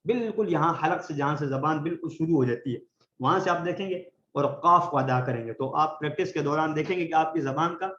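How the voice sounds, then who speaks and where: Man, recitation teacher, online class, slightly high voice, roomy dull lo-fi sound. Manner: patient, demonstrates sounds slowly for students to repeat.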